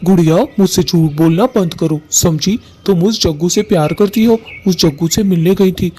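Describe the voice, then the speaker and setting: A man's voice: high-pitched, normal speed, warm tone. A man voicing a stern, protective father bird in a cartoon who gives firm commands. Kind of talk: Hindi cartoon voice acting.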